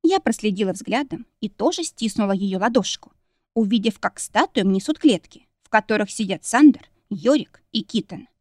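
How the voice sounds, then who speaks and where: Brief: female audiobook narrator, mid-pitched, dry close mic. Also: lively intonation, moderate pace, a little mellow, no echo. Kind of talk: first-person audiobook narration.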